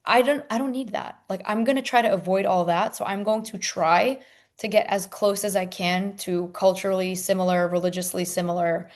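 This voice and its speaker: A woman's voice: mid-range voice, steady tone, normal speed. A young adult woman speaking as an interview guest in an informal, candid, casual chat style.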